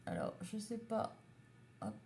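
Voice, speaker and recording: A woman's voice: medium pitch, huge pitch swings, gravelly, darkish tone. A woman chatting casually as she shows a craft haul, item by item. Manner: slow, chatty, showing items one by one. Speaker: craft vlogger.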